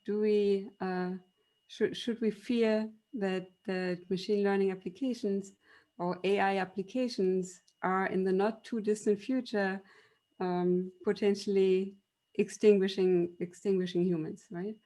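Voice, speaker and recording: With fairly even intonation and a slightly slow, mellow delivery, this German-accented woman speaks at medium pitch. She lectures in machine learning at a university and, on a debate panel, explains through storytelling with many ums and restarts.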